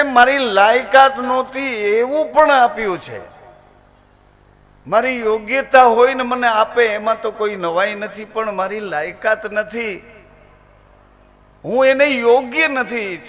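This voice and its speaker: A man playing a young maiden from a devotional tale who cries out again and again in a high, strained voice. She begs and refuses, her pleas ringing out loud and urgent. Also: unhurried. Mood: humble devoted. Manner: pleading, cries out repeatedly. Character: young maiden Kunti pleading with a god.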